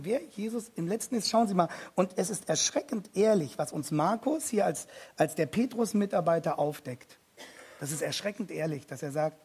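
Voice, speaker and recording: A male preacher delivers an emphatic sermon in a fairly high voice. His tone is husky, and he repeats key phrases. He swings from hushed, intimate passages to loud appeals.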